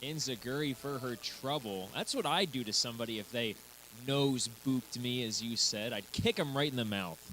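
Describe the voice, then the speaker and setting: A man's voice: medium pitch, moderate pace, noisy background. A man doing bantering live color commentary at wrestling, brash, exclamatory and opinionated.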